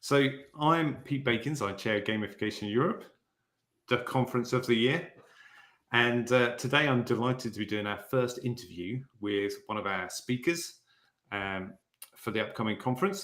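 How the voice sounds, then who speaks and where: Man hosting an interview, upbeat, mid-pitched, recorded in an echoey room. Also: normal speed, a bit bright. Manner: enthusiastic, with some stumbles. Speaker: interview host, conference chair.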